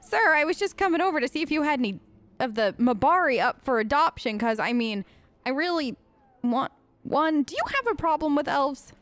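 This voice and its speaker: Playing as an elf in a let's play, a woman keeps up loose, improvised role-play commentary that's chatty, earnest and informal. She speaks a little fast in a high-pitched, expressive, somewhat bright voice, recorded dry.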